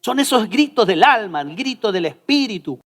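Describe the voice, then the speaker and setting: High-voiced pastor preaching passionately. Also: male voice, sing-song, normal speed, faint music behind. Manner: impassioned preaching, swings from hushed to shouting. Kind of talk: sermon.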